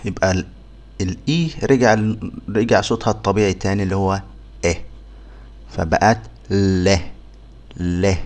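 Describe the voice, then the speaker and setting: A young man with a very low, deep voice and an Egyptian Arabic accent leads a beginners' phonics lesson. He breaks words into single sounds and repeats each one slowly and patiently. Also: steady tone, darkish tone. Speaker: English teacher.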